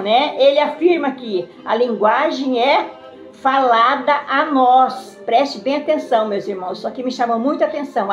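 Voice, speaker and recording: High-voiced woman preaching in a roomy space. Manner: ends phrases with a questioning "né?", asks listeners questions, greets viewers by name. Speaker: preacher on a live stream. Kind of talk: live-streamed sermon. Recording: roomy, slightly dull sound with faint music behind.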